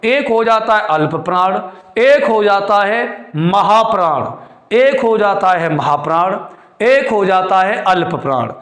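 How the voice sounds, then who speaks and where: Male tutor, high voice, quizzing style, roomy echo. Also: expressive, takes it slowly, a bit bright. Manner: repeats points, quizzes students with questions; calls students "beti" and "chhote" fondly. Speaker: Hindi grammar teacher. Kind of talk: classroom lecture.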